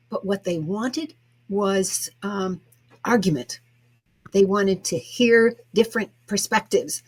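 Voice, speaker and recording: A woman's voice: fairly high pitch, breathy edge. A woman hosting a podcast interview, telling a workplace story thoughtfully and restarting phrases as she goes. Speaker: podcast host. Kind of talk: interview conversation.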